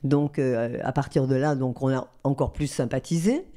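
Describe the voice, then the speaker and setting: An older woman from southern France, a guest voice actress telling lively anecdotes and acting out the people she quotes. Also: extremely low pitch, normal speed. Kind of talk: anecdotal storytelling.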